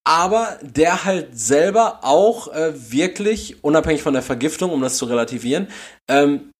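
A man's voice: a little high, expressive, normal speed, slightly rough. A German man co-hosting a podcast, rambling through casual chat with many fillers and restarts. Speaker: podcast co-host.

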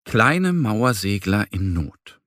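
A man narrating a children's story slowly and with lively intonation, recorded close to the mic. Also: fairly low pitch, no room sound. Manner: slow, animated storytelling.

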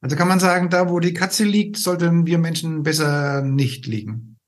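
A man's voice: on the high side, steady tone, normal speed. A man hosting a podcast interview, introducing his guest and asking questions, with stammering repeats. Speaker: podcast host.

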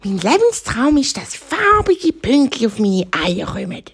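A small, nervous young rabbit pleads in St. Gallen Swiss German with a raised, lively voice, as a woman puts it on. The tone is breathy and husky with a gravelly edge. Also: fairly high pitch, a little slow, pitched above the performer's own voice, heavily acted. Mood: pleading.

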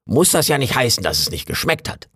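A man's voice: medium pitch, very animated, brisk, a bit bright, breathy edge, no echo, clean studio sound, voice pushed up. A man voicing a boastful, chatty male raccoon in an audiobook, rambling on in a self-important way. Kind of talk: audiobook character voice.

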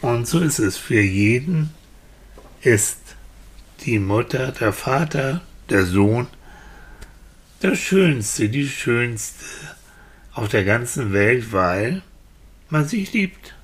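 A woman hosting a children's show, telling a fairy tale in a lively way. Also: rumbling low, very slow, pauses often, breathy edge. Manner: lively storytelling, animated voices for villagers. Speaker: host and storyteller.

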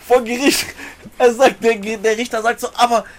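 Speaking at a moderate pace in a very high voice with fairly even intonation, a male guest shares prison stories. His urban German multiethnolect accent and slangy delivery come through as he acts out conversations, repeats phrases and keeps things animated and casual.

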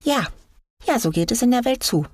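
A woman's voice: fairly high pitch, animated, normal speed, darkish tone, no room sound, clean studio sound, pitched above the performer's own voice. Woman voicing a naive, longing fir tree. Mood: hopeful. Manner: wondering, questioning tone.

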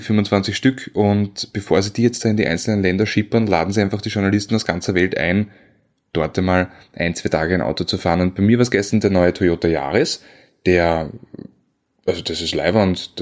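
A man, a car journalist chatting as co-host, relaxed and a bit hesitant. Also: sits low. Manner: relaxed, tired, hesitant with fillers. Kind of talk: casual chat.

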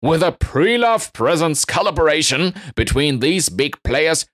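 A man's voice: fairly high pitch, sing-song, unhurried, a bit bright, no echo, clean studio sound, pitched above the performer's own voice, exaggerated voice. A man voicing a confident male elf newcomer who calls out a business idea in a Christmas story. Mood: enthusiastic. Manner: announcing, enthusiastic.

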